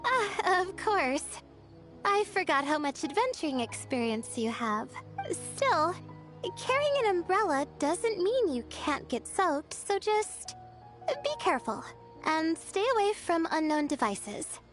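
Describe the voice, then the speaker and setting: An anxious, sleepy young female scholar from a fantasy video game. Her voice is very high and lively, but she speaks slowly and hesitantly, with soft, stammering starts. Quiet game music plays under her. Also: heavily acted. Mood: calm. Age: young adult. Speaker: student.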